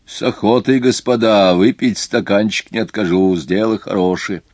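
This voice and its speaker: A man reading an audiobook, voicing a gruff, impatient stagecoach conductor. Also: lowish voice, steady tone, moderate pace, a little mellow, dry recording, lightly acted. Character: brusque coach conductor, gruff working man.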